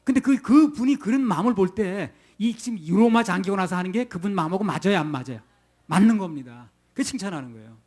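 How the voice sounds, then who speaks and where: A man's voice: sits high, animated, fast, darkish tone. A middle-aged male pastor preaching a sermon in a folksy, conversational way, asking the congregation rhetorical questions.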